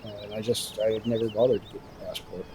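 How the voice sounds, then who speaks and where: A man's voice: on the low side, steady tone, noisy background. A man answering viewer questions on a game stream, hesitant and full of ums. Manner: slow, hesitant, many ums. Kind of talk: casual stream chat.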